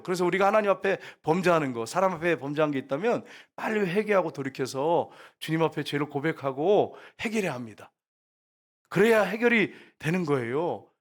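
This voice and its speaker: A man preaching a sermon as pastor, putting rhetorical questions to the congregation. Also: a little high.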